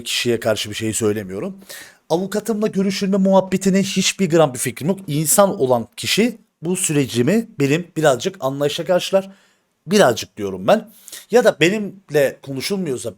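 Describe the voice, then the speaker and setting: Man, live streamer, slightly high voice, heated and blunt, swears, repeats himself, talks straight to viewers. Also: a little mellow. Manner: addresses the audience directly, repeats himself for emphasis. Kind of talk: casual stream talk to viewers.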